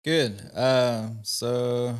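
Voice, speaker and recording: Smooth-voiced young man from Rwanda. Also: mid-range voice, drawn-out words. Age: 20s. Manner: relaxed, leaning on fillers like "you know" and "like". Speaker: guest painter. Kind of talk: casual interview answers. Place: podcast studio.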